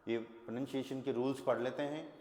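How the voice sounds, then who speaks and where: A man teaching a language lesson, patiently spelling letters out slowly and checking that his students follow. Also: mid-range voice, steady tone, darkish tone. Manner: patient, repeats key points with "ठीक है" checks. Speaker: German teacher. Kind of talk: classroom-style language lesson. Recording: echoey room with long reverb.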